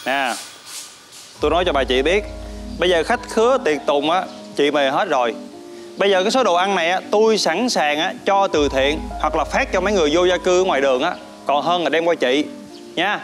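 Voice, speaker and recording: An actor playing a blunt, mocking young caterer with a Southern Vietnamese accent. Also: male voice, a little high, animated, a little fast, fairly bright tone, soft background music. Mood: firm. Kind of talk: web drama acting.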